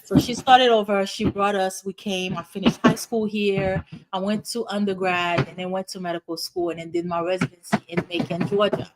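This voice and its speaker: Brief: middle-aged woman from Haiti, doctor guest, earnest and explanatory, mid-pitched voice, faint noise in the background. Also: steady tone, moderate pace, hardly any pauses. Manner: earnest, explanatory, uses "you know" often. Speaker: guest, internal medicine hospitalist. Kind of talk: conversational interview answers.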